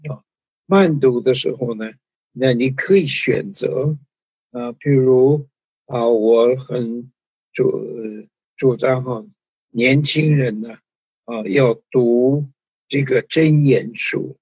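Brief: male preacher, very breathy husky voice, chatty sermon delivery, dull lo-fi recording. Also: medium pitch, takes it slowly, no room sound. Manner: conversational preaching with frequent fillers and tag particles.

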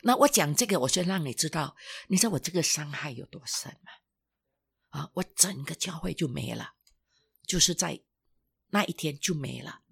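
An older former pastor giving an emotional personal testimony, halting and restarting, sometimes dropping to a whisper. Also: medium pitch, expressive, vocal fry, a bit bright, breathy edge.

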